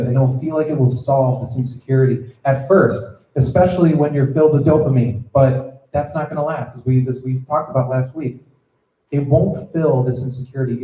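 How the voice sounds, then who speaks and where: A man's voice: medium pitch, warm tone. A man giving a sermon to students as a youth pastor. He talks conversationally, checks in with the audience and acts out the voices in his stories. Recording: echoey room.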